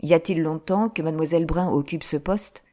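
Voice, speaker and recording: A woman reading an audiobook, voicing a calm young adventurer with a dry, witty manner, close to her own voice. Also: low voice, fairly quick, close to an everyday voice.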